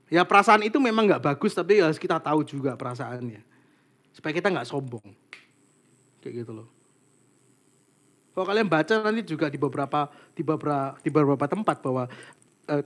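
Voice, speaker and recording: A man's voice: fairly high pitch, fairly quick, long pauses. A young man giving a casual, chatty sermon to a small church group, tossing in friendly asides to his listeners. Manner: chatty, animated, peppers talk with "guys" and "kayak gitu".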